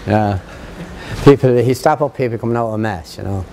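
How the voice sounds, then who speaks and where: A man in his seventies with an Irish accent, reminiscing in a halting, conversational interview outdoors. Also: mid-range voice, vocal fry, mellow, a little hiss or hum. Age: 70s. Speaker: local interviewee recalling town history. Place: outdoors, sheltered spot by a garden.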